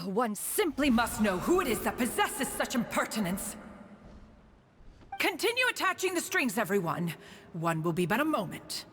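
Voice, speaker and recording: A woman's voice: a little high, big pitch swings, normal speed, a bit bright, a little hiss or hum. A woman voicing a proud, imperious immortal master in a video game, speaking with haughty, formal, archaic phrasing. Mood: indignant.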